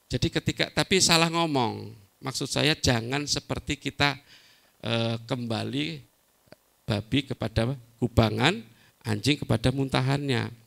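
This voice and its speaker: A middle-aged pastor preaches in a deeply gravelly, creaky voice. He tells homely stories, chuckles at his own mistakes and speaks at an average pitch for a man. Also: a little slow, a bit bright. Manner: folksy, storytelling, laughs at himself. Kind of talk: sermon. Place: church.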